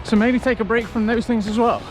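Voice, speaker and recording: A man talking casually to camera as a running vlogger, in a reflective, conversational way with halting short phrases. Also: extremely high pitch, steady tone, over music. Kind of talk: casual vlog talk to camera.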